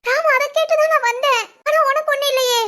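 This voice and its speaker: A woman's voice: extremely high pitch, fairly even intonation, quick pace, pushed and bright. A woman voicing a frantic, tearful young woman in a cartoon, pleading and repeating a name. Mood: relieved. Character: young woman frantic over her lover. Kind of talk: Tamil cartoon voice acting.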